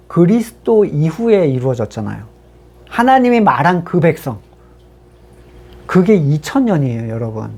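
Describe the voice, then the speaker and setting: Pastor giving a sermon, chatty, reads a verse then breaks it down, asks the room questions, pitch all over the place. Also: darkish tone. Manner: conversational, asks the congregation rhetorical questions; reads scripture aloud and then explains it plainly.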